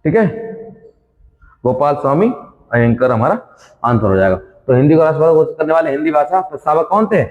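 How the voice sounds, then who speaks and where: Running a quiz-style exam revision class, a coaching teacher with a slightly high voice reads out each question and its options, goes over it again, then states the answer. His intonation is lively and his pace a bit fast, broken by long pauses, and the sound is dull with a long hall reverb.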